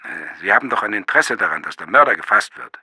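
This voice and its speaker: Man doing a rough hoarse police sergeant, pushy, raised pitch, gravelly, dry close sound. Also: expressive, fast, sharp tone, no echo, heavily acted. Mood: insistent. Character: rough-voiced gruff male police sergeant. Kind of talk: audiobook reading.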